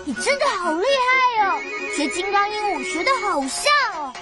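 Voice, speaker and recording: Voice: very high-pitched, sing-song, normal speed, loud music behind the voice. A performer playing an eager, upbeat young boy animal rescuer in a children's cartoon, encouraging viewers and mixing in English words. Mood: excited, cheering. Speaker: host guiding child viewers. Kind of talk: animated children's show dialogue, addressing viewers.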